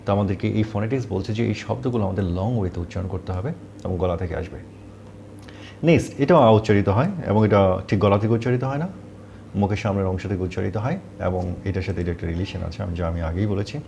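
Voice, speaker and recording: A man's voice: low-pitched, fast talker, vocal fry, warm tone, slight background noise. A man teaching English pronunciation, patiently repeating points and saying example words aloud. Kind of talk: explanatory lesson.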